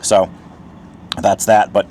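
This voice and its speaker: A man talks through a camp meal review in a casual, chatty way, often while eating. His voice sits fairly low. Faint outdoor noise runs underneath. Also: flat delivery, takes it slowly, dark tone. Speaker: outdoor vlogger. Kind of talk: casual food review vlog. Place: outdoor picnic spot.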